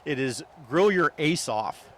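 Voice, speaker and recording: Guy chatting casually as interview guest, slightly high voice, outside w traffic noise. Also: lively intonation, measured pace, a bit bright. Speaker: podcast guest, barbecue promoter. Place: outdoors at a market. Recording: outdoor recording with clear traffic noise. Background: vehicles and outdoor ambience.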